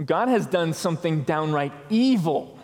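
A man preaching a sermon as pastor, slow and deliberate, pausing for emphasis on key words. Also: a little high, animated, a little mellow. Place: church sanctuary. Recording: long reverb of a church hall.

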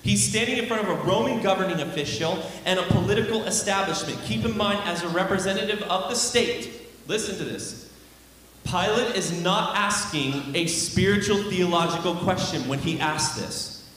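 A man preaching a sermon as pastor, emphatic, slowing down and speeding up to stress his points. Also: high-pitched, a little hiss or hum. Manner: emphatic, varies pace and loudness for stress. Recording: very echoey hall with long reverb.

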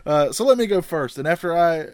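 A man's voice: on the high side, lively intonation, brisk, clear, resonant tone, no echo. A man chatting casually as a podcast co-host, bantering his way through a quiz.

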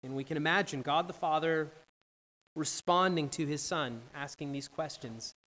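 A man preaching a sermon as pastor, earnest and rising to slow, emphatic declarations. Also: on the high side, fairly bright tone, big-room sound, poor audio.

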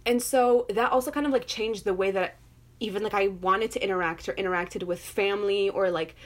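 A young woman from a Moroccan family who grew up in an English-speaking country chats casually as a guest. Her mid-range voice moves a little fast as she tells animated personal stories full of fillers and frequent laughter.

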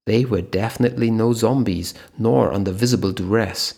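A man reading a thriller aloud in steady audiobook narration. His voice is low and gravelly, with a husky grain. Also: normal speed.

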